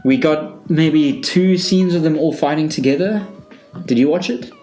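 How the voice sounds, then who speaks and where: A man's voice: fairly high pitch, unhurried, warm tone, soft background music, poor audio. A man co-hosting a podcast in casual chat, giving strong opinions and thinking aloud with frequent restarts. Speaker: podcast co-host.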